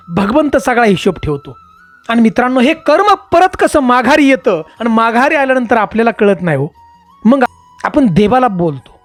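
Over background music, a channel host narrates a moral story with animated energy at a medium pitch. He speaks emphatically, repeats phrases, and addresses his listeners as friends.

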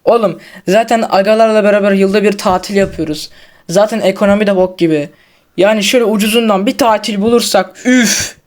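A man voicing characters in his own cartoon, slangy and excitable with lots of exclamations. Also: high voice, brisk. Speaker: creator voicing his own animated video.

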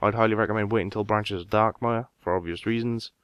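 A man's voice: fairly low pitch, steady tone, quick pace, clear, resonant tone, no echo. A man giving casual step-by-step game walkthrough narration, talking straight to his viewers.

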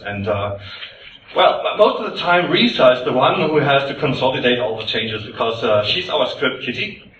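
A man's voice: medium pitch, fairly bright tone, distant mic, a little hiss or hum. A man speaking English at a convention panel, explaining things with many fillers and restarts. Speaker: panelist presenting the show's process. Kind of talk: conference panel talk. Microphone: recorded from far off. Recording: echoey dull room audio from afar.

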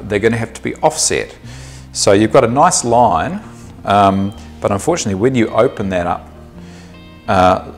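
In a small indoor workshop, a New Zealand woodworking instructor in his thirties walks through a project one step at a time. His voice is on the low side, and he sounds relaxed, thinking out loud with an occasional um.

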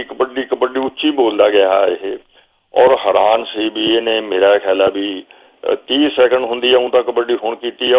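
Older Punjabi man with a phone-line sound. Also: medium pitch. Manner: slow reminiscing storyteller, quotes himself calling instructions. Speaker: guest. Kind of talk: storytelling interview.

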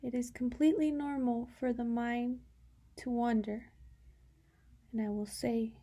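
A woman guides listeners through meditation in a fairly high, breathy, gentle voice that frequently sinks almost to a whisper. She speaks calm instructions, leaving long pauses.

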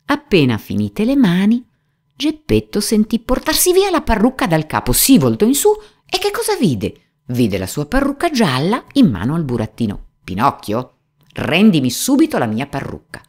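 A woman reading a classic children's story aloud in an expressive, dramatic storytelling manner. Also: mid-range voice, normal speed. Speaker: narrator.

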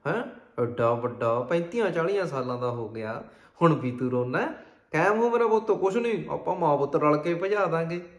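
Elderly mother voiced by a man, tender, soothing, reassuring, slightly high voice, roomy echo. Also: expressive, moderate pace. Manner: soothing, reassuring, gently coaxing.

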